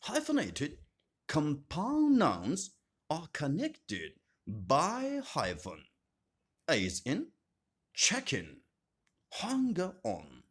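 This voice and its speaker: A man teaching an English grammar lesson, speaking slowly and deliberately and repeating each term with strong stress. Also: a little high, husky. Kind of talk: scripted grammar lesson narration.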